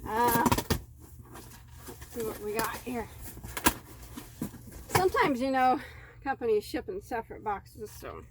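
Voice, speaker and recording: A woman's voice: a little high, measured pace, long pauses, noisy background. A woman crochet vlogger chatting casually as she unboxes yarn, easily delighted and rambling in asides.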